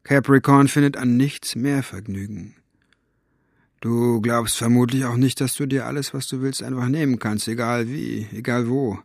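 A man playing a wary, scarred grown man who speaks in a low, hushed, insinuating way. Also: fairly even intonation, moderate pace, gravelly, dry recording, clean studio sound.

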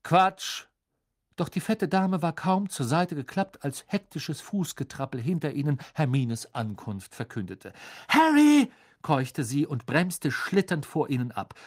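A man narrating a children's fantasy audiobook with expressive, lively storytelling. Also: a little high, moderate pace, few pauses.

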